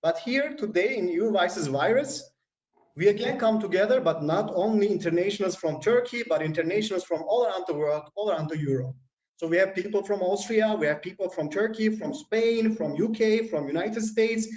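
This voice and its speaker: A man from North Macedonia speaks as a guest on a live online panel, with a rather high voice. He talks earnestly and rambles, full of fillers like "you know" and "like". His voice carries a noticeable room echo. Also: a little mellow. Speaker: guest, hackathon community manager.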